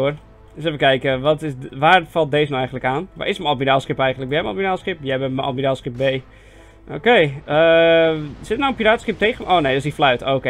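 A young Dutch man giving casual, self-mocking commentary on a strategy game, chatty with sudden excited yelps. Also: on the high side. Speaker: gaming video host. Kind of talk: casual let's-play commentary. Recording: faint game music behind voice.

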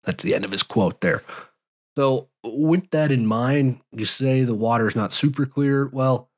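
Recording a solo podcast in his home studio with gear shelves around him, a fly fishing guide in his thirties fields listener questions through a large studio mic, headphones on. His medium-pitched voice moves at a measured pace and is a bit raspy from a cold. He rambles in a relaxed way, saying uh a lot and restarting sentences.

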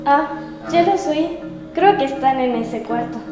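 A woman's voice: sits high, expressive, a little slow. A young woman acting a curious visitor who muses to herself in a web comedy sketch. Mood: curious musing. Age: young adult. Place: indoors in a house hallway. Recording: echoey room, clear music behind.

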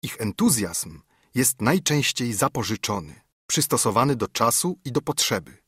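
A man narrating an audiobook in a measured, formal way. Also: mid-range voice, big pitch swings, fairly bright tone, breathy edge, no room sound, clean studio sound.

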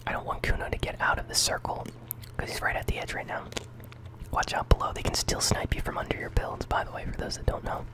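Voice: fast talker, low-quality recording. A gaming channel host giving whispered ASMR commentary on a game.

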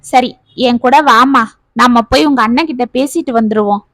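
A woman storyteller voicing a gentle, long-suffering aging village father who speaks tenderly to his children. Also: on the high side, moderate pace, dry recording, close to an everyday voice.

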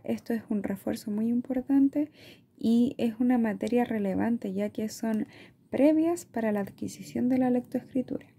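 A woman teacher with a Chilean Spanish accent, explaining a reading lesson to parents in a slow, patient way, stretching out words and checking in with "¿ya?". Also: on the high side, warm tone, breathy edge. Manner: asks "¿ya?" often.

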